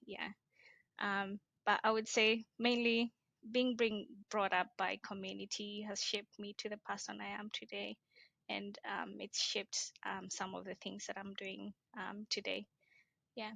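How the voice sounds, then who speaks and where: A woman's voice: mid-range voice, little pitch movement, measured pace, creaky, sharp tone, no echo. A young woman from Kenya, a guest in an interview, talking casually with frequent hesitations. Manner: hesitant, many ums. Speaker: guest, social entrepreneur.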